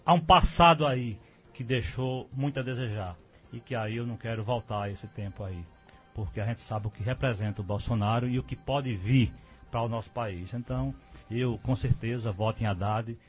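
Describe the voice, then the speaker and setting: A man stating his position firmly and at a measured pace as a guest on a radio debate. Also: medium pitch, faint music behind. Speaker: guest commentator. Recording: dull lo-fi radio studio sound.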